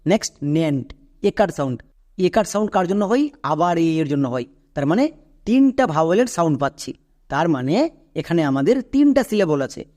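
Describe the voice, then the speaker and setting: High-voiced man teaching step by step. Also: sing-song, a little fast, darkish tone. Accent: Bengali. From Bangladesh or West Bengal. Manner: step-by-step, talks directly to the learner. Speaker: English teacher. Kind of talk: classroom-style lesson.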